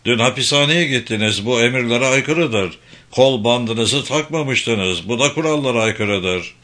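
A man's voice: mid-range voice, a little slow, pushed and bright. A man reading a stern, sarcastic middle-aged male camp colonel who questions coldly in an audiobook.

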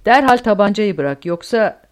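A woman voicing a brutal male SS officer who barks his threats loudly, in an audiobook reading. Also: fairly low pitch, big pitch swings, brisk. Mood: barking. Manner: loud, barking orders.

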